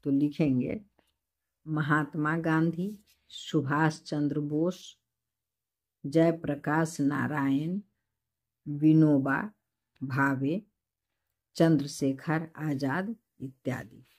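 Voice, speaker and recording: A woman teacher reading out textbook questions and dictating the answers slowly and carefully. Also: low voice, fairly even intonation, darkish tone. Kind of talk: explaining textbook answers to a class.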